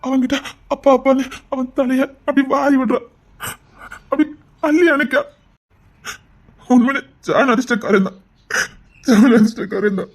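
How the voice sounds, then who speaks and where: A man's voice: extremely high pitch, steady tone, moderate pace, pauses often. An actor playing a heartbroken father in a TV serial drama. He confides in a friend in a heartfelt, pleading way. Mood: grieving. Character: heartbroken father whose daughter prefers another man.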